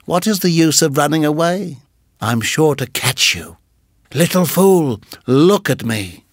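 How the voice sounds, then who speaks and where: A man voicing a vengeful female king cobra in a storybook reading, menacing and drawn-out. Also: fairly high pitch, very animated, dry recording, studio quality, voice pushed up. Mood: gloating.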